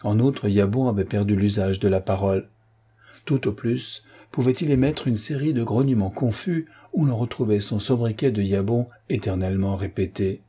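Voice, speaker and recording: A man reads a classic novel aloud in a measured, literary narration. His voice sits low and mellow, with a soft husky grain. The delivery stays calm and steady. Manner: measured, even literary reading. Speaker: audiobook narrator. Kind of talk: scripted audiobook narration.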